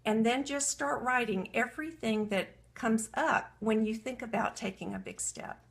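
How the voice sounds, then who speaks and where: A woman's voice: on the high side, moderate pace, vocal fry. A woman coaching women entrepreneurs in a live video talk. She is earnest and self-reflective, and walks listeners through a writing exercise while reading aloud from her journal.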